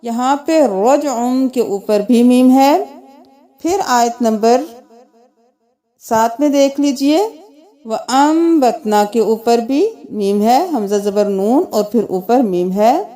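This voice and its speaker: High-voiced woman teaching Quran reading. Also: expressive, dark tone. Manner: spells out letters and vowels, then recites slowly and melodically. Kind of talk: tajweed lesson with slow recitation.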